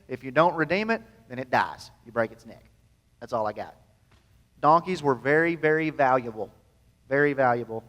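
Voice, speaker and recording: Folksy preacher in echoing hall. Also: male voice, medium pitch, a bit bright. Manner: folksy, self-deprecating, asks the crowd questions. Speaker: pastor. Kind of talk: sermon. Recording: long hall reverb.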